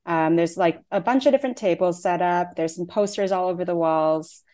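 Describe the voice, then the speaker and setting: A Canadian woman in her twenties, a playwright and actor, answers interview questions in a chatty way, often saying "um" and "like." Her voice is mellow, fairly low, and fairly quick.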